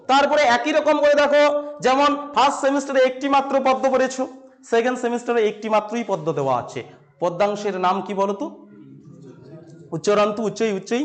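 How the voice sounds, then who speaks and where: A man teaching a class to camera, asking questions and answering them himself, and repeating key terms slowly. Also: very high voice. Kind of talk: classroom-style lesson to camera.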